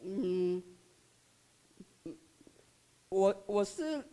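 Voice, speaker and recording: Older Taiwanese woman sharing halting testimony. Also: mid-range voice, expressive, dark tone. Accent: Taiwanese Mandarin. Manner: halting, earnest, full of tag particles. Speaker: member sharing her experience. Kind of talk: personal testimony.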